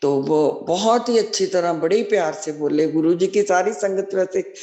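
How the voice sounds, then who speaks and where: A woman's voice: on the low side, normal speed, warm tone. A middle-aged woman sharing a devotional testimony, earnest and devout, often repeating blessings. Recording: roomy echo.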